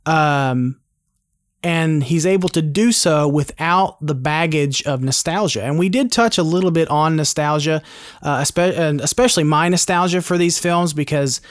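A man's voice: a little high, moderate pace, no room sound, studio quality. A man in his thirties hosting a podcast in a casual, conversational and earnest way. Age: 30s. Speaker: podcast host.

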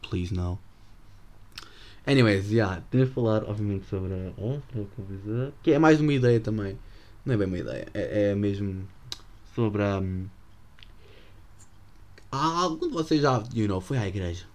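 Speaking on the low side with a darkish tone, this teenage podcaster keeps a normal pace but pauses often, his intonation lively. He has a European Portuguese accent and jokes his way through a solo monologue full of English slang.

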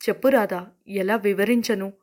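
A man's voice: sits high, fairly even intonation, moderate pace, darkish tone, natural voice. A woman reading the lines of a young man who is smitten, pleading in a flowery, poetic way. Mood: lovesick pleading. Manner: poetic, pleading, then fumbling.

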